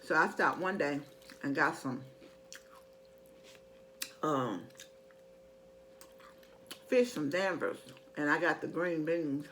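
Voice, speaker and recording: A woman's voice: sits low, takes it slowly, long pauses, a bit bright, slight background noise. A middle-aged woman in casual, rambling chat to her viewers, conversational and emphatic when she makes a point. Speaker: mukbang vlogger.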